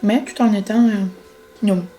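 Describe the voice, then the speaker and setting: Chatty young Québécoise vlogger, mellow voice. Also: female voice, mid-range voice, fairly even intonation, measured pace, soft background music. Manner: chatty, lots of fillers and English words. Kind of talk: casual vlog chat to camera.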